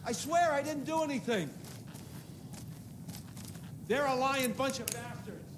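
A man's voice: extremely high pitch, animated, a little slow. An actor playing an accused male suspect who pleads his innocence from a jail cell. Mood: desperate protesting. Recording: noisy background ambience, somewhat distant.

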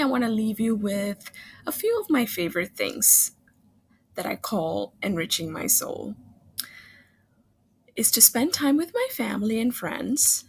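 A school counselor from Singapore introduces herself over a slideshow, talking in a friendly, conversational way, recorded on a laptop webcam at home. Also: female voice, mid-range voice, vocal fry, a little hiss or hum. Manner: friendly, conversational with occasional fillers. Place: home room, webcam in corner of screen share.

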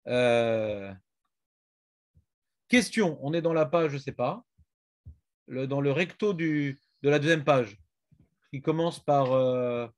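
A man teaching a Talmud class, questioning and prodding his students. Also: mid-range voice.

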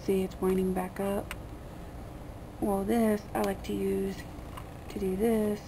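This how-to vlogger speaks slowly at a medium pitch that barely moves, her voice creaky as she rambles casually and a little crudely. She's demonstrating with her hands at a table in a small, dim indoor room, captured by a camera mic on a noisy homemade recording.

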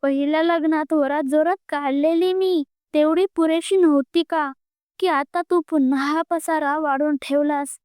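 A woman's voice: high voice, flat delivery, moderate pace, few pauses, no room sound, lightly acted. A woman voicing an angry young man, a reluctant groom, speaking in a heated, accusing way during a storybook reading. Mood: tearful anger. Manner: heated, accusing, close to tears.

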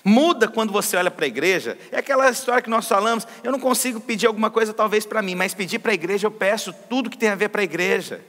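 A man preaches to his congregation in a high, bright voice, asking questions and answering them emphatically. A long reverb from the church hall trails every phrase. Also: lively intonation, fast talker, few pauses. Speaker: pastor. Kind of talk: sermon. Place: church service.

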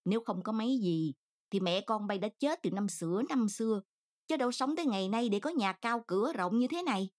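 A woman's voice: medium pitch, animated, brisk, a little mellow, close to an everyday voice. Woman voicing a harsh scolding aunt. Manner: harsh, reproachful.

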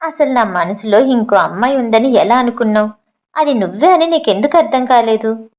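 A woman's voice: fairly high pitch, animated, moderate pace, close to an everyday voice. A woman reading a loving young husband's lines in an affectionate, earnest way, in a dull lo-fi recording. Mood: tender.

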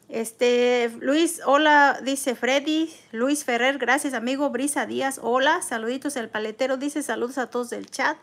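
Middle-aged woman on her live stream, kinda gravelly voice, a bit high, reads chat names and comforts people. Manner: warm, consoling, reads viewer names aloud; eats soup between comments. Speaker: livestream host. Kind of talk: casual live chat reading comments.

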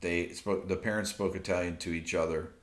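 Talking a little fast, a relaxed man in his fifties with a low voice hosts a late-night livestream for his YouTube music channel, reading viewers' questions aloud from his phone. His answers ramble and are packed with ums and other fillers. He sits at a desk in his home studio among amplifier stacks, picked up by an off-camera mic in a roomy space.

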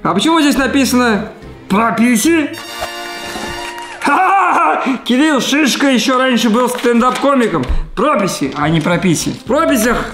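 A man's voice: very high voice, animated, moderate pace, fairly bright tone, faint music behind, full character voice. A man playing a self-important male math professor in a comic home role-play, pompous and theatrical, in a living room. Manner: pompous, theatrical, bursts of laughter. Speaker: dad playing a teacher for his daughter. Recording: roomy echoey living room.

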